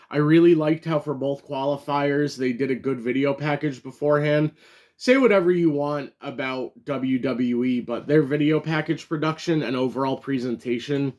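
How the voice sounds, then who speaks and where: A man giving a casual solo review of a wrestling show, chatty and loose, with many fillers and bursts of excitement. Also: a little high.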